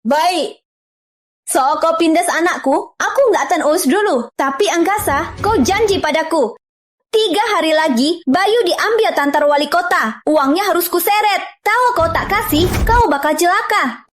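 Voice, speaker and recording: A woman's voice: very high-pitched, lively intonation, normal speed, slight background noise. A woman voicing a greedy, scheming woman who threatens and demands money, in a dubbed short drama.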